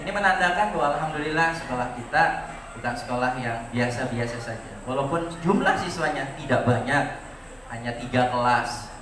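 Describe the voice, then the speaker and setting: Echoey teacher speaking to students. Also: male voice, medium pitch, a little fast, recorded from a distance, background noise. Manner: lively storytelling, asks students rhetorical questions. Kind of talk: farewell speech to graduating students. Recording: echoey room, voice from afar, audible ambience.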